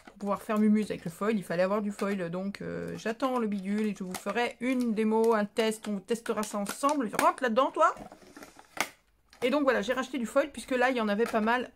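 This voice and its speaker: A woman's voice: medium pitch, a little hiss or hum. A woman chatting casually in a craft haul vlog, rambling with fillers and making fun of herself. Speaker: craft vlogger.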